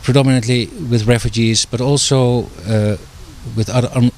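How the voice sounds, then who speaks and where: A middle-aged man speaks in an interview and picks his words slowly, with many restarts and fillers. His voice sits at an ordinary male pitch. A faint noise runs under the recording. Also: fairly even intonation, a little mellow. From Netherlands. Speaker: guest, author and doctor.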